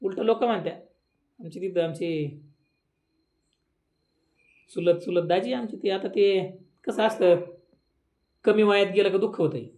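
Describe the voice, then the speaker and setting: A man's voice: sits high, measured pace, long pauses, a little mellow. A man, giving a devotional sermon at a village memorial gathering, talking conversationally and rising into emphatic questions. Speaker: kirtan preacher.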